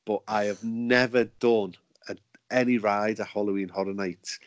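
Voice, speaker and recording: A man's voice: fairly low pitch, steady tone, normal speed, dry recording. A man hosting a podcast, chatty and joking, laughing often as he talks. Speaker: podcast host. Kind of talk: casual chat.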